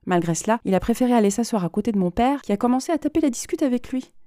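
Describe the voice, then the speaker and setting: A woman's voice: on the high side, lively intonation, very fast, dark tone, no room sound, studio quality, voice pushed up, close to an everyday voice. A woman reading aloud as an anxious young woman who nervously confides in her therapist. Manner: nervous, self-mocking. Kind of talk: dramatic reading.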